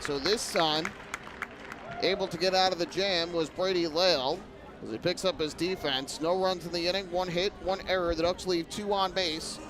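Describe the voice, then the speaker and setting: A man's voice: a little high, background noise. A man calling a baseball game as a play-by-play broadcaster, with descriptive, clipped phrasing. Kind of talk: live sports commentary.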